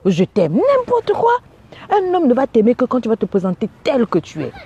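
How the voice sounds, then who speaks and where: A woman from Africa preaches relationship advice in an animated, scolding manner. Her voice sits a little high but sounds mellow and warm, with a husky edge. She acts out both sides of conversations and keeps jabbing her listeners with rhetorical questions. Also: a little fast, dull audio. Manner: animated, scolding, acts out quoted dialogue, frequent "hein?". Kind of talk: exhorting sermon-style advice talk.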